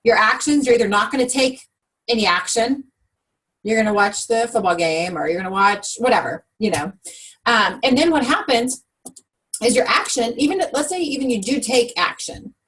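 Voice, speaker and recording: A woman's voice: fairly high pitch, slightly rough, poor audio. A woman leads a team training talk in an upbeat coaching manner, often putting questions to her listeners. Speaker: sales team director.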